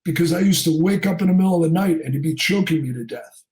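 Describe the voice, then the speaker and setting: A middle-aged charter fishing captain from New Jersey tells a story in a podcast interview and acts out the people in it. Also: male voice, a little high, fast talker, a little mellow. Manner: acts out quoted people in raised voices.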